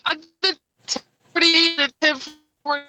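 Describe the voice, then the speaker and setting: A woman's voice: very high-pitched, little pitch movement, moderate pace, music in the background. A middle-aged woman talking on a group call, chatty and restarting mid-phrase, while her wireless connection keeps cutting out. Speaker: call participant. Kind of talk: casual group call chat. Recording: dull lo-fi call audio breaking up.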